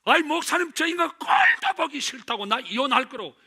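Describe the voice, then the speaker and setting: An agitated middle-aged woman deacon, acted out by a male pastor in a retold sermon story, with a high, swooping voice. She complains loudly. Her tone is sharp and forceful. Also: lively intonation, brisk, exaggerated voice. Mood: fuming.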